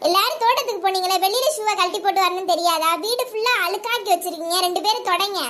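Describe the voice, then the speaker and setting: A woman's voice: very high-pitched, racing, background noise. A woman voicing a mother in a cartoon who scolds the kids for dirtying the house. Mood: scolding. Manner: scolding, nagging.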